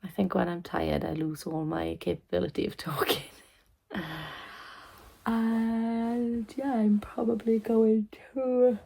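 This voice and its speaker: A tired young woman chatting softly to camera from her bedroom at night, often half-whispering in a sleepy, rambling way. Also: a little high, fairly even intonation, takes it slowly, vocal fry. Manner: soft, rambling, sleepy talk with many ums. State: tired, yawning. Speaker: family vlogger.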